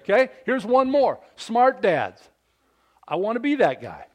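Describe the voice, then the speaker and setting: In a sermon directed at fathers, a pastor in his fifties uses a big, animated delivery that calls for amens from the congregation. He speaks a little slowly, in a very high voice.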